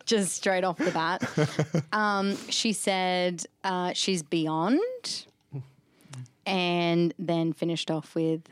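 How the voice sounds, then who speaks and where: Australian woman co-host, lowish voice, chatty, filler-heavy, dry close sound. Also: steady tone, drawn-out words, clear, resonant tone, no echo. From northern New South Wales, Australia. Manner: chatty, self-mocking, many ums and restarts. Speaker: podcast co-host. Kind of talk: casual chat.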